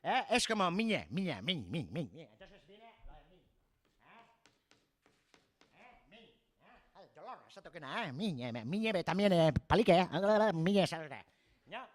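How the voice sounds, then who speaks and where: A man's voice: a little high, very animated, measured pace. Man playing a rambling Basque villager. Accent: Basque Spanish. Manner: rambling, full of "eh?" tags, mixing Basque words. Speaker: comedian. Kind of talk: comic character monologue.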